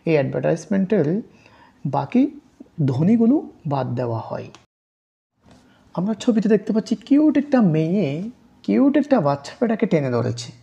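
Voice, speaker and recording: A teacher from Bangladesh giving a recorded exam-prep lecture, reading English definitions slowly and then explaining them step by step, repeating example words to contrast how they are pronounced. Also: medium pitch, sing-song, vocal fry, dark tone, lo-fi sound.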